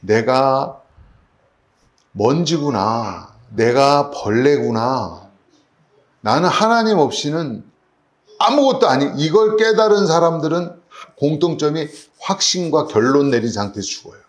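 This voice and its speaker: A man's voice: a little high, very animated, moderate pace, reverberant. A man preaching a sermon as pastor, asking his congregation rhetorical questions. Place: church sanctuary.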